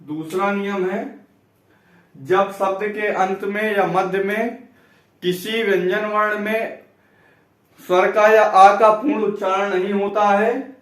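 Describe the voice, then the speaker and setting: A man teaching a grammar lesson, dictating slowly phrase by phrase and repeating examples aloud. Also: sits high, steady tone, fairly bright tone. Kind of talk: classroom lesson. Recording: echoey room, from a distance.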